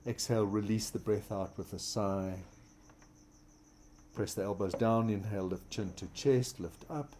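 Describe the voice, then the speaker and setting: A man guides a yoga class in a low, mellow voice. He speaks very slowly and calmly, giving soothing, measured cues one step at a time. There is light background noise with insect-like chirping. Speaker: yoga instructor. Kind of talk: guided yoga class instruction, counting breaths and relaxation cues.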